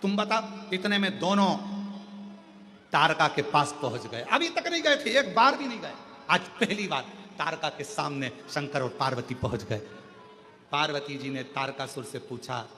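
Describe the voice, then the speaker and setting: Animated preacher in an echoey hall. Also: male voice, on the high side, moderate pace. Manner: animated, exclaiming, rhetorical questions. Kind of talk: devotional sermon storytelling. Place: large live religious gathering. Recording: echoey hall with devotional music.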